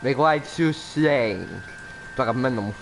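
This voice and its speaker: Over music, a young man with a mid-range voice streams himself playing a game, giving casual live commentary. He chats playfully and rambles as he goes.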